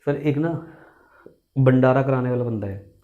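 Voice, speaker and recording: Heard in phone-quality sound, a medium-pitched male voice delivers an accountancy lecture at a moderate pace, as if in a classroom. He asks questions, restates key points, uses Hindi blended with English terms, and calls his students "beta."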